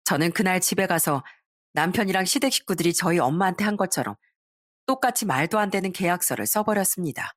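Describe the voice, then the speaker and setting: A woman's voice: on the low side, expressive, fast, no room sound, studio quality. A woman narrating a first-person story in a dramatic, indignant tone.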